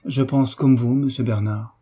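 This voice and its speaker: A man's voice: mid-range voice, steady tone, unhurried, dark tone, husky, voice pushed up. A man voicing a kind young woman. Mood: warm.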